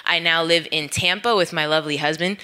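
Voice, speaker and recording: A woman born in the Philippines and raised in Orlando, moderating a church conference panel in a relaxed, friendly way. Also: low voice, a little fast, clean tone. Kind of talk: casual panel introduction.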